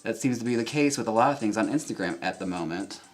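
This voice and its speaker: A young man chatting casually with viewers while getting ready, campy and quick to laugh. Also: lowish voice, animated, soft background music. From United States. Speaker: drag performer and channel host. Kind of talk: casual chat while reading viewer comments.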